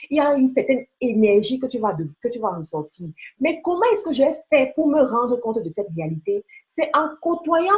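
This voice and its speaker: A woman's voice: on the high side, darkish tone, rough recording. A woman giving a motivational sales training talk, earnest and emphatic, repeating key phrases and weaving faith into business advice.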